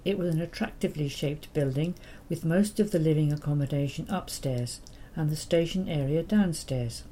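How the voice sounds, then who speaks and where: An elderly woman reads from her memoir in a low, mellow voice. Her telling is gentle and quietly wry. She keeps an even storyteller's pace. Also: a little hiss or hum. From England. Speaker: memoir narrator. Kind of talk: reading a childhood memoir.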